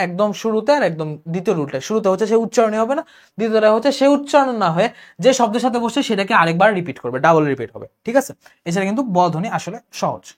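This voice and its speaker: A young man with a Bangladeshi Bengali accent, teaching an online exam-prep lecture, briskly explaining rules and answering imagined student questions. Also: high-pitched. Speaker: exam tutor.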